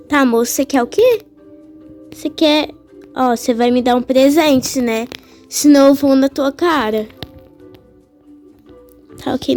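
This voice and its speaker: A woman with a high, bright-sounding voice narrates her gameplay in a loose, chatty way. She teases and questions the characters as if they could hear her. Soft game music runs faintly underneath. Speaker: gaming channel host. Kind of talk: casual gameplay commentary.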